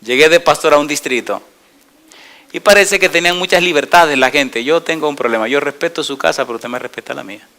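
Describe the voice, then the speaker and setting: A middle-aged male pastor preaching with a bright, forceful voice that sits a little high for a man. He keeps asking the congregation yes or no, then tells stories in an animated way, moving between loud and hushed passages. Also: fairly quick. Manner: asks the congregation repeated yes-or-no questions; animated storytelling, swinging between loud and quiet. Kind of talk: sermon.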